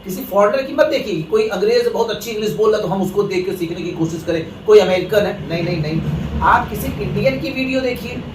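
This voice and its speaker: Man from India explaining at a middle pitch, set back from the mic in a reverberant room with faint ambient noise. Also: a little fast, recorded from a distance. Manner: explaining, addresses viewers as friends. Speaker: English teacher. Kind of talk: Hindi lesson talk.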